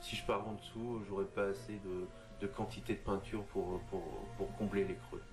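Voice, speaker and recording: Man, low-ish voice, halting casual tutorial delivery over faint background music. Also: little pitch movement. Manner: hesitant, lots of fillers and restarts, addresses viewer informally. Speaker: miniature painting tutor. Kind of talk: casual tutorial narration while painting.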